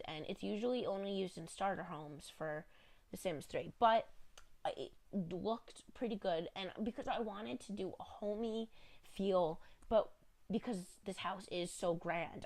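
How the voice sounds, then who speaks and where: Narrating a home-building game video, a woman speaks in a lowish voice that's slightly congested, as she's a little sick. She's rambling and apologetic, chatting along with many fillers.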